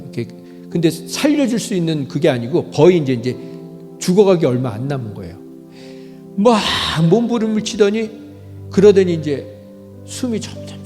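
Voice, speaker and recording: A man preaching a sermon as pastor, swinging from loud, impassioned calls to quiet storytelling. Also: on the high side, big-room sound. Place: church sanctuary.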